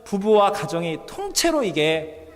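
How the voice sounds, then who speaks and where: A man preaching a lively sermon as pastor in a church, acting out quotes and swinging between loud and soft delivery. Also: high-pitched, unhurried. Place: church hall. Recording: long church hall reverb.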